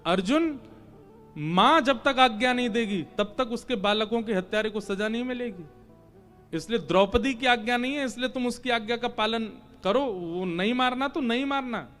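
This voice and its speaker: A male preacher voicing the god Krishna as a calm, playful guide who poses riddles and gives instructions, in a devotional storytelling sermon. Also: extremely high pitch, moderate pace, faint music behind. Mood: instructive.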